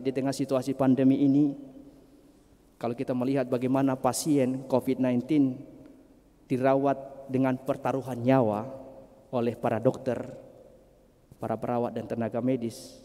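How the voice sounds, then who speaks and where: A male priest giving a Sunday homily in a measured way, rising to strong emphasis. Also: mid-range voice, fairly even intonation, mellow. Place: large cathedral. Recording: long cathedral reverb.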